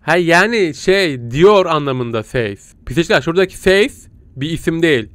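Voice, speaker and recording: A man giving joking, excitable let's-play commentary, bursting into laughs and silly noises. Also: on the high side, moderate pace, clean tone, dry recording. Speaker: gaming YouTuber.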